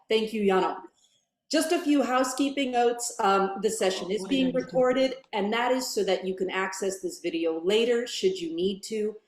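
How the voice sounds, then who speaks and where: A woman in her thirties moderating a virtual cooking class on a video call, upbeat and friendly, from a bright home kitchen. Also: medium pitch, echoey room.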